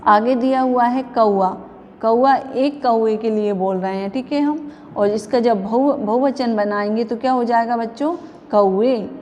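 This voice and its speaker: A woman's voice: a little high, unhurried, darkish tone, long reverb tail, a little hiss or hum. A woman teaching young children a grammar lesson, patiently asking the class questions and repeating each answer. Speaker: primary school teacher.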